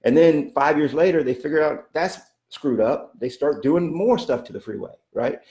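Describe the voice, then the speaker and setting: At a moderate pace, a real estate coach with a slightly high, warm voice gives a motivational talk that echoes around the room. He is emphatic and repetitive, regularly asking "okay?" and invoking God like a preacher.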